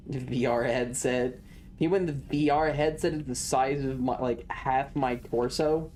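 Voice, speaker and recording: A streamer hosting a live stream chats casually while playing a video game, rambling to themselves and to chat. The voice is medium-pitched, steady and unhurried, with a darkish tone.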